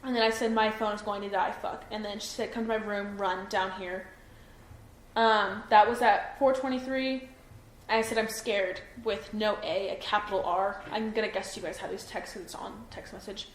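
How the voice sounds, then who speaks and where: A woman's voice: medium pitch, steady tone, moderate pace. A young woman being interviewed by police, hesitant and full of ums and self-doubt. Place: interview room. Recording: echoey room, faint noise.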